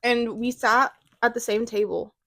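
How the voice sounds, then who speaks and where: Young Midwestern woman, higher voice, chatty podcast storyteller, dry close sound. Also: flat delivery, measured pace, a bit bright, no room sound. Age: young adult. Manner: chatty storyteller, playful asides. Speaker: podcast co-host. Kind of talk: casual chat.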